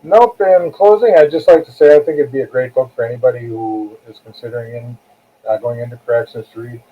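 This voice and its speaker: Speaking as an interview guest and author, a man talks in a conversational, plain-spoken, earnest way. His mid-range voice is husky and brisk, and the recording sounds muffled and narrow, like a phone line.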